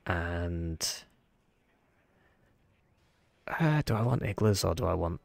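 A man with a croaky, froggy voice, sounding unwell, giving casual game commentary as he thinks aloud. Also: low-pitched, lively intonation, slow, dry recording. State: under the weather, sick voice. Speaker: gaming video host.

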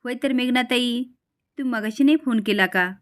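A woman's voice: fairly high pitch, moderate pace, clean tone, lightly acted. Woman reading as a panicky scheming aunt. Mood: defensive. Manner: fretful, panicky muttering. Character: frightened scheming middle-aged woman, an aunt.

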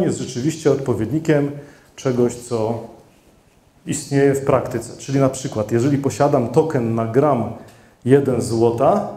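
A middle-aged man with a mellow, medium-pitched voice speaks into a handheld microphone during a conference presentation. Addressing a seated audience in the hall, he hesitates often, filling his talk with fillers and restarts. The recording carries a roomy hall echo.

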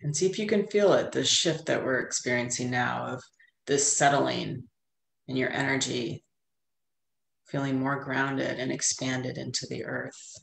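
A middle-aged woman calmly guiding a grounding meditation in a soothing, unhurried voice with long pauses, over a video call. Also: very deep voice, creaky. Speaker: meditation guide. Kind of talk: calm guided grounding meditation. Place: indoor room with plain wall, on a video call. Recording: roomy, echoey video call audio.

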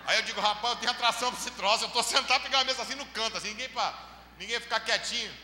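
A man preaching a sermon as pastor, telling lively stories and acting out the dialogue, with a Rio de Janeiro Brazilian accent. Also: extremely high pitch, racing, a little hiss or hum. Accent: Brazilian Portuguese, Rio de Janeiro. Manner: lively storytelling, acts out dialogue, swings from loud to quiet. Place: church hall. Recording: echoey church hall, long reverb, faint ambience.

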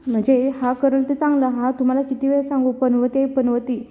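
A woman's voice: high voice, level tone, fairly quick, lightly acted. Scolding bitter mother-in-law, read by a woman. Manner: scolding, insulting. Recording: dull, reverberant room recording.

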